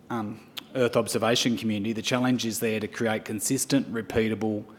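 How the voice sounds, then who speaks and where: A man chairing a conference session, measured and with frequent ums. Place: conference room. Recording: hall reverb with low rumble.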